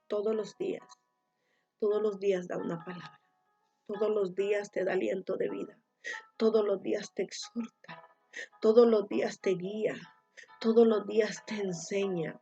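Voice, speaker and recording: A woman preacher giving a devotional sermon, stressing points through repeated phrases, with a husky voice. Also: mid-range voice, warm tone. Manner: emphatic, repetitive phrasing. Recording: dull lo-fi recording with faint music.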